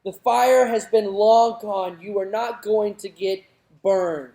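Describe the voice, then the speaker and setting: An earnest father warning his daughter, as a preacher acts him out. His voice is mellow and pleading. It echoes around a large room. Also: medium pitch, steady tone, slow pace. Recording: roomy echoing hall.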